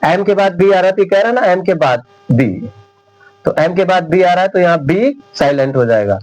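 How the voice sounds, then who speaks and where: A man teaching English spelling rules at a whiteboard, repeating each example word slowly and often checking whether his viewers understand. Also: sits high, animated, a little mellow, muffled recording, faint music behind. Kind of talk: whiteboard classroom lesson.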